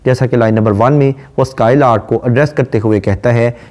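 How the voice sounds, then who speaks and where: Mellow-voiced man lecturing on poetry. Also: medium pitch. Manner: reads English verse slowly, then explains at a steady pace; lists rhyme words in quick runs. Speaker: literature lecturer. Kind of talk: lecture explaining a poem line by line.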